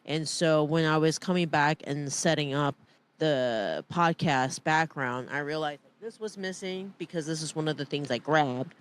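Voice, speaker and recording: Smooth-voiced chatty woman podcaster. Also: low voice, moderate pace. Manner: chatty, candid, self-deprecating. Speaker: podcast co-host, filmmaker. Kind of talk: casual podcast chat.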